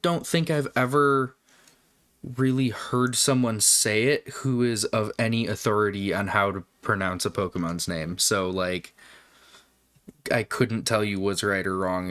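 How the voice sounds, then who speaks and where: A man's voice: medium pitch, fairly bright tone, dry recording. A man hosting a casual livestream, chatting with viewers in a rambling, profane way. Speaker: livestream host. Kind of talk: casual live-stream chat.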